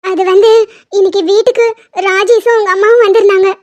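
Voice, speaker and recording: A woman's voice: very high-pitched, steady tone, fast, darkish tone. Woman voicing a tearful cartoon college girl. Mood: distressed. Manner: pleading, emotional. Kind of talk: cartoon drama dubbing. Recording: dull lo-fi audio.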